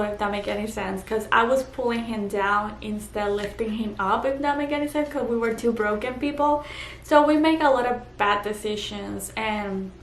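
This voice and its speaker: Earnest Puerto Rican woman, echoey room. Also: on the high side. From Puerto Rico. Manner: earnest, halting with fillers and restarts. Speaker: vlogger. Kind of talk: personal testimony vlog. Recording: echoey room, faint background noise.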